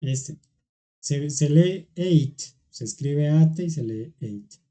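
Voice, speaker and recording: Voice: medium pitch, slow pace, warm tone. A teacher explaining grammar in an online class, going patiently step by step and checking in often with the students. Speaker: English teacher.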